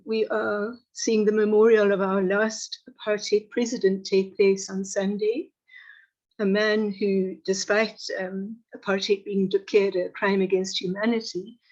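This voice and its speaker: A woman from South Africa giving a measured, earnest address over a video call, pausing often with fillers. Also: mid-range voice, a little mellow, lo-fi sound. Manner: measured, with frequent pauses and fillers. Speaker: panelist at online launch. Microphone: video call audio without camera.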